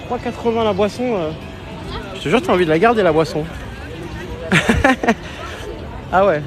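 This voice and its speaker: A man runs a live vlog on his handheld phone at an outdoor theme park, chatting casually in slang and swearing occasionally. His high voice moves at a normal speed, and the park's music and crowds can be heard behind him.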